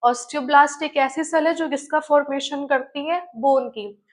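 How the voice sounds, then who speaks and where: A woman's voice: high-pitched, fairly even intonation, a little slow. A woman biology teacher giving an online study-tips lesson, who explains step by step and keeps asking and answering her own questions, with terms.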